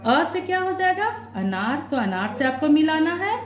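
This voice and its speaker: Patient schoolteacher, a woman, high lively voice, echoey room. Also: normal speed. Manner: patient, repeats and asks questions she answers herself. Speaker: primary school teacher. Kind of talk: workbook lesson for children.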